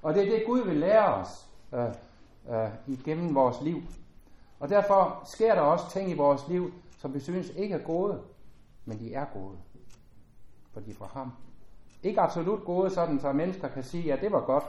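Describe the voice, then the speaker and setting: A man preaching a sermon as a pastor, earnest and measured, his voice dropping at the ends of phrases. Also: on the high side, very animated, darkish tone, reverberant, muffled recording.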